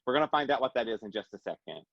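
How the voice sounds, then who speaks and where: A man's voice: mid-range voice, sing-song, creaky, no echo, highs cut off. A man hosting a podcast, joking and rambling in casual chat. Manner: joking, rambling, quick bursts. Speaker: podcast host.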